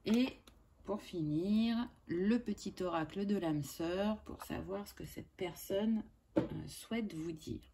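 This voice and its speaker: A woman doing a spiritual tarot and oracle card reading for her channel, talking gently with many pauses and fillers. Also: mid-range voice.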